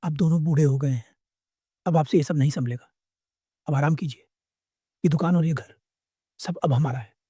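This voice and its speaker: A man's voice: fairly high pitch, moderate pace, pauses often, dark tone, breathy edge, dry recording, clean studio sound. A man voicing a spoiled, scornful young daughter-in-law who talks in a cold, mocking way.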